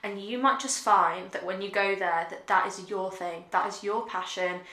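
A young woman talking earnestly and reflectively to camera in a casual vlog, pausing often with fillers, seated on a sofa at home. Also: medium pitch, sharp tone, roomy sound. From United Kingdom. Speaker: vlogger. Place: living room with sofa, indoors.

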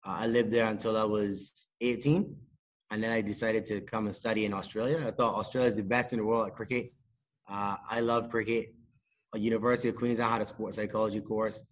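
A man, talking as a podcast guest on a video call in a small room, measured and modest, with many fillers. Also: lowish voice, little pitch movement. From Barbados. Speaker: sports psychologist and cricket coach, podcast guest. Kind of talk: casual interview talk. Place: indoors, small room with a plain wall.

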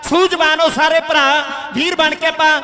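A man's voice: very high voice, fairly even intonation, moderate pace. A man with a Punjabi accent giving hearty, exclamatory live kabaddi commentary, repeating phrases and addressing listeners as friends. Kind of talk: live sports commentary with rhymed verse and thanks to sponsors. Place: outdoor village kabaddi tournament ground.

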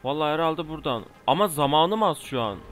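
Young male gamer, slightly high voice, frustrated running commentary, faint music behind. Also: animated, quick pace, a bit bright. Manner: exasperated, talks back at enemies, exclaims often. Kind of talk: casual let's play commentary. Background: faint game music.

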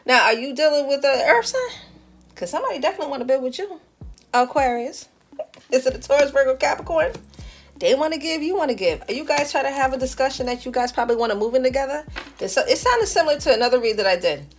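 A fairly high-voiced woman gives a tarot reading, chatting straight to the viewer in a loose, animated way and laughing often. Clear music plays under her voice the whole time. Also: fast talker. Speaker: tarot reader.

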